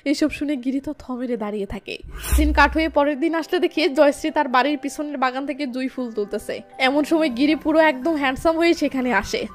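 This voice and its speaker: A woman with a high, light voice tells a film's story as a recap narrator. She reads every character's lines in her own voice, keeping the storytelling lively.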